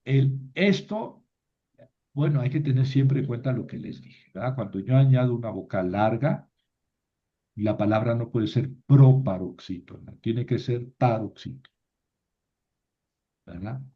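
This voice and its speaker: A man's voice: medium pitch, a little slow, pauses often, lo-fi sound. A man teaching a Biblical Greek class online, explaining patiently step by step and often checking with "¿verdad?".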